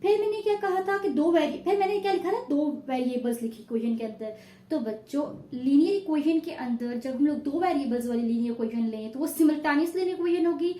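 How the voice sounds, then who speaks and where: A woman's voice: sits high, expressive, fast, mellow, reverberant. A woman math teacher explaining a lesson step by step, patiently repeating each point and addressing her pupils.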